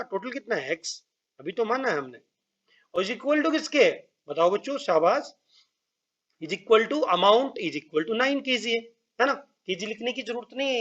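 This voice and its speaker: A man's voice: sits high, fairly bright tone, muffled recording. A man teaching an online math lesson, talking to his pupils as children, repeating steps and checking that they follow while he writes. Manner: writes on screen while speaking, pauses and drawn-out words.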